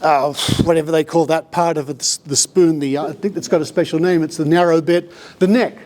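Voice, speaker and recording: A jokey Australian man presents on stage in a conference hall before a live audience, giving a talk that involves audience participation. His voice is fairly high and darkish, with a steady tone and brisk pace, and as a chatty showman he breaks into laughs.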